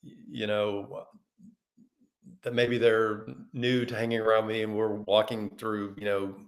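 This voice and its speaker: Low-ish voiced guy, chatty storyteller, does the voices of people in his stories. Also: a little slow. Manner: animated storyteller, acts out quoted dialogue. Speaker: podcast co-host. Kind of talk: casual conversation, storytelling.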